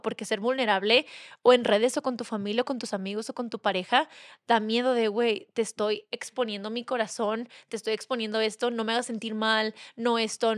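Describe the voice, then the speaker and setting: A young woman with a Mexican accent speaks openly as a podcast guest, her voice sitting a little high. She mimics family and friends as she tells things, and the recording is close and dry. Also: dry recording. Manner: candid, acts out quoted voices of family and friends. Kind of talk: casual chat.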